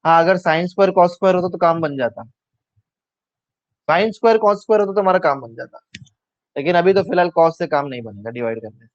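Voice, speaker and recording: Guy teaching maths online, talks thru every step, higher voice, dull dry lo-fi sound. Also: expressive, fairly quick, long pauses, no room sound. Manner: talks through steps aloud, asks students questions; mixes English maths terms into Hindi. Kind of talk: live online maths class.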